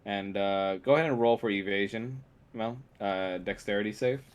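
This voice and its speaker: A man narrating a tabletop role-playing game as game master in an informal, halting way. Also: fairly low pitch.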